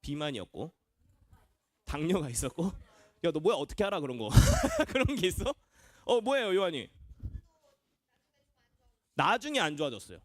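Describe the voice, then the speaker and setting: Animated young man preaching to kids. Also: a little high, moderate pace, pauses often, no echo. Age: young adult. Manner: lively, quizzes the kids and acts out voices. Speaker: children's ministry pastor. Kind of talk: children's sermon. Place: church classroom.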